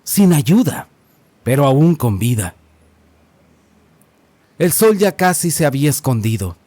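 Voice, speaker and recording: A man narrating a horror story in an expressive, dramatic manner. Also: fairly high pitch, slow pace, dry recording.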